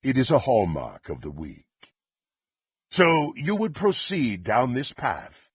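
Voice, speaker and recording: An actor voices a power-hungry, contemptuous dark warrior in a fantasy video game, speaking in a heavily acted, haughty, theatrical manner with archaic phrasing. His medium-pitched male voice is gravelly and husky, swooping wildly in pitch at a slow pace. The mood is smug and haughty, and the recording is dry.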